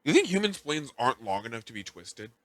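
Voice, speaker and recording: A man co-hosting a casual animation podcast, teasing his partner and breaking into animated bursts of emphasis. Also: medium pitch, fast talker, crowd noise. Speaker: podcast co-host. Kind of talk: casual chat.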